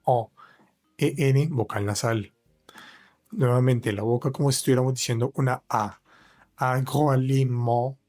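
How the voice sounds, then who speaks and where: A man teaching French pronunciation in Spanish, slowly spelling out words syllable by syllable. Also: mid-range voice, fairly even intonation, darkish tone, soft background music. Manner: slow, careful, breaks words into syllables. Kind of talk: pronunciation lesson.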